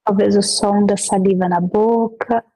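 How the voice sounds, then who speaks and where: Breathy, gravelly woman guiding a meditation. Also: mid-range voice, steady tone, low-quality recording. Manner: gentle, unhurried instructions with long pauses. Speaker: meditation guide. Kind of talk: guided meditation.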